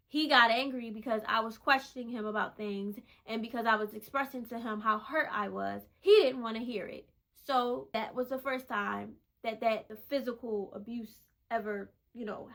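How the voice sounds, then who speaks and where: Bright emphatic woman telling her story. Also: on the high side. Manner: emphatic, repeats phrases for effect; candid, conversational. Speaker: vlogger. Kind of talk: personal storytelling testimony.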